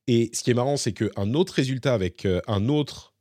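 A man's voice: medium pitch, normal speed, dark tone, no echo, clean studio sound. A man hosting a tech podcast, explaining things in casual chat with a few fillers. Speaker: podcast host.

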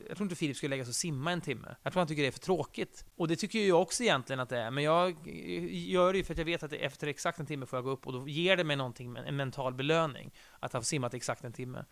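A man's voice: on the high side, hardly any pauses, fairly bright tone. Rambling, self-deprecating middle-aged man. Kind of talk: casual conversation.

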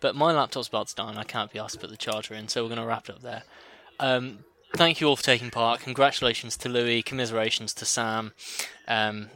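A man's voice: mid-range voice, fairly even intonation, fast talker, few pauses, bright, forceful tone. Laughing man hosting a quiz. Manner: jokey, laughs often, teasing. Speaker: quiz host. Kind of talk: casual podcast quiz chat.

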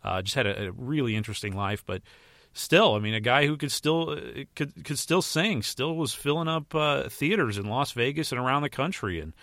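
A man's voice: mid-range voice, moderate pace, a bit bright, no room sound, studio quality. A man who is feeling slightly sick, getting over a virus, hosting a podcast solo in an informal, rambling, mildly profane way. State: recovering from a virus, slightly under the weather. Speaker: podcast host and movie and TV editor. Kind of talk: casual solo podcast talk.

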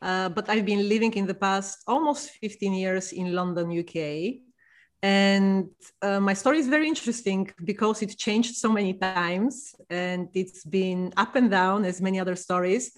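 A woman in her forties from Bulgaria, speaking English as a podcast guest and telling her story reflectively with frequent pauses. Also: medium pitch, fairly even intonation. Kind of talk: podcast interview.

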